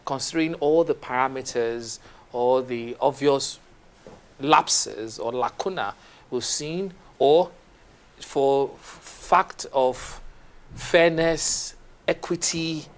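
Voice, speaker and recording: A Nigerian man hosting a studio discussion on a morning TV show, asking questions with animated, halting restarts. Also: medium pitch.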